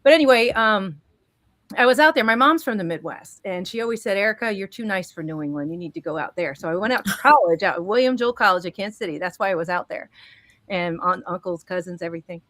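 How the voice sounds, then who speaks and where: A woman in her fifties from Connecticut, a guest educator telling her first-year story, emotional and quick to laugh. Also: mid-range voice, lively intonation, fairly bright tone, no echo. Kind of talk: panel discussion answer.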